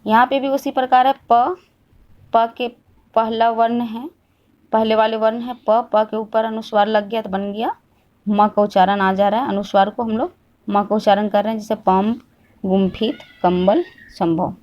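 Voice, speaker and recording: A woman's voice: on the high side, steady tone, a little mellow. Woman teaching a Hindi grammar lesson. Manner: asks questions and answers them herself, repeats slowly.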